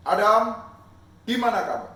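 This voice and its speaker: A man's voice: a little high, wildly swooping pitch, normal speed, a bit bright, voice pushed down. A man voicing a stern, commanding God who proclaims judgment in a solemn way. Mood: calling. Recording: echoey room, mic far off.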